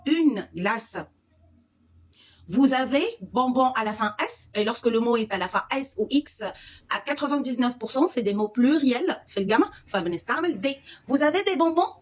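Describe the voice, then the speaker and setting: A woman teaching French to Arabic speakers with an Egyptian accent, explaining slowly and repeating words. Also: fairly high pitch, slightly rough. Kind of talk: language lesson, switching between French and Egyptian Arabic.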